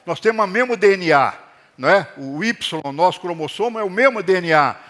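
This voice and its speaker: Animated high-voiced man preaching a sermon. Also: a little fast. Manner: animated preaching with call-and-response to the congregation. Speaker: pastor. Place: church hall.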